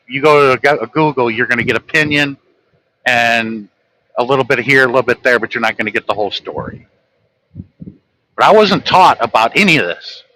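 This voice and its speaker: On a low-quality recording, a US livestream host speaks to his audience head-on in a medium, bright, forceful voice. He reads from notes he wrote himself, delivering an earnest, lecturing monologue.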